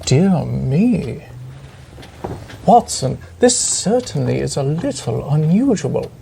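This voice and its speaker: A performer playing a composed, analytical Victorian gentleman detective in a mystery role-play, speaking formally and with measured care. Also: mid-range voice, big pitch swings, gravelly, slight background noise, heavily acted. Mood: musing, analytical.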